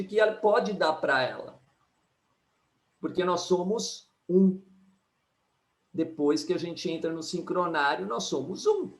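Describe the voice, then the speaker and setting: A man, an astrologer and numerologist, giving an animated live talk and often tagging his points with "né?". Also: sits high. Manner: animated, keeps asking "né?", acts out quotes. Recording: echoey room.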